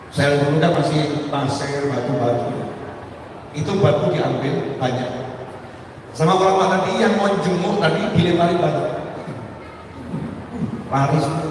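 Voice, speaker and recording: A man from Indonesia preaching a sermon in a lively, casual and emphatic storytelling manner. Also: on the high side, slight background noise. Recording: echoey hall from far off.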